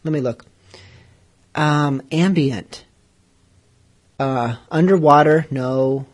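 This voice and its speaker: Guy hosting a podcast, rambly and jokey about himself, voice on the higher side. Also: slow. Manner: rambling, self-deprecating asides. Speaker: podcast host. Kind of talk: casual radio-show chat.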